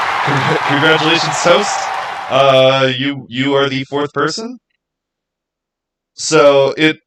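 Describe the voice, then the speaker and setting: In a low-quality recording, a man with a mid-range, fairly bright voice hosts a livestream. He chats casually with viewers, working things out aloud as he goes.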